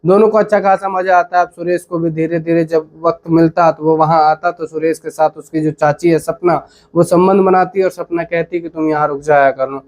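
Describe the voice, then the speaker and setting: A man's voice: on the high side, a little mellow. A man casually retelling a true story aloud, rambling along with lots of filler phrases.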